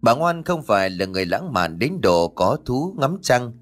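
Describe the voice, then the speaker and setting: A man narrating a ghost story for an audiobook in an expressive, dramatic storytelling manner. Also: mid-range voice, moderate pace. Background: faint music.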